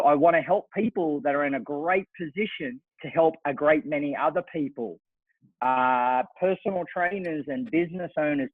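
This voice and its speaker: A gently, softly spoken man with an Australian accent, calling in with a question. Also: on the high side, no echo. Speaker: caller. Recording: tinny phone line.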